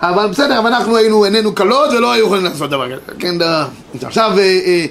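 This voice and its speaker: High-voiced rabbi teaching a class. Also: male voice, vocal fry, a bit bright, slight background noise. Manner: explains, reads sources aloud, checks in with students. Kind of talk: Torah class lecture. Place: classroom with students.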